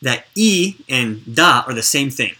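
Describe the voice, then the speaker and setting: A woman's voice: rumbling low, expressive, moderate pace, bright, forceful tone. A woman interviewer chatting casually and encouragingly, explaining things with examples.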